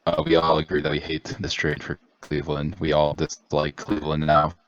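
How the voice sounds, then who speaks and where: A man's voice: very deep voice, monotone, fairly quick. A man co-hosting a casual sports chat over an online call, his voice breaking up and turning robotic from a bad connection, hesitant and full of restarts. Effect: glitchy, robotic breakup from a bad internet call. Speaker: podcast co-host. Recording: dull lo-fi online call audio.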